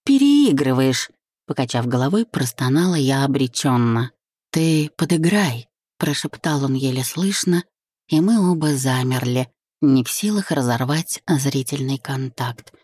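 A woman narrating a first-person romance audiobook in an even, intimate manner. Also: rumbling low, moderate pace, breathy edge, no echo.

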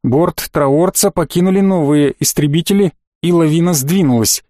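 A man narrating a science fiction audiobook in a steady, dramatic reading style. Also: on the high side, moderate pace, no room sound, clean studio sound. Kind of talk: scripted narration.

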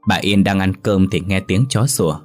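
A man narrating a story in a steady audiobook delivery. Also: sits low, normal speed. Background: faint music.

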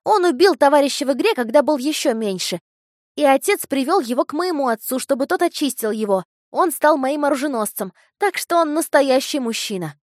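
A woman reading an audiobook, voicing a bold, hot-tempered young boy who shouts indignantly. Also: high-pitched, expressive, a little fast, dry recording, clean studio sound, pitched above the performer's own voice. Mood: eager. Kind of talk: audiobook character voice.

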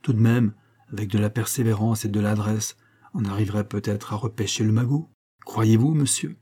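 A man's voice: lowish voice, steady tone, moderate pace, warm tone, husky. A man reading aloud, voicing a carefree, persistent young coachman in a coaxing, easy-going manner. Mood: sly, confiding.

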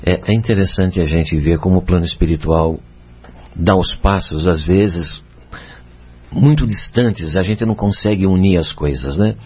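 A man with a Brazilian Portuguese accent, a guest speaker on spiritist themes, explains in a calm, deliberate teaching manner. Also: deep voice, husky. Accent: Brazilian Portuguese, from São Paulo state. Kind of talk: measured explanatory talk. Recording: dull lo-fi radio recording.

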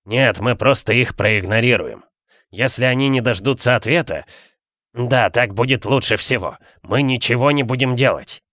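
A man's voice: mid-range voice, moderate pace, a bit bright, no echo, studio quality, lightly acted. A man voicing a bad-tempered, blustering middle-aged uncle who snaps and bellows scornfully, in an audiobook reading. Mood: gruff scornful.

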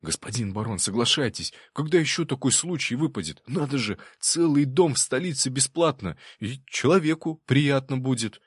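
A man's voice: mid-range voice, lively intonation, moderate pace, few pauses, slightly rough, no echo, voice pushed up. Guy doing a sly old steward, whiny reproachful tone, dry close sound. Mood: coaxing.

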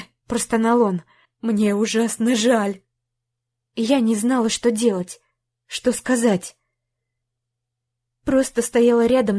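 A woman reading a first-person audiobook in a tense, measured storytelling manner. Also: on the high side, mellow. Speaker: audiobook narrator.

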